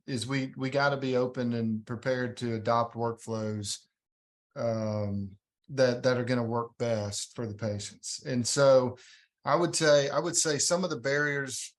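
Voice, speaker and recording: Man talking shop as interview guest. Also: mid-range voice. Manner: conversational, with repeated words and ums. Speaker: guest, hospital program leader. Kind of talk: podcast interview.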